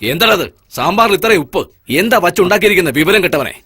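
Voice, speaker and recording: A man's voice: high voice, lively intonation, fast talker, slightly rough, heavily acted. An actor playing a strict, short-tempered magistrate father who scolds his family. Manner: scolding, sharp. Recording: film dub with music behind.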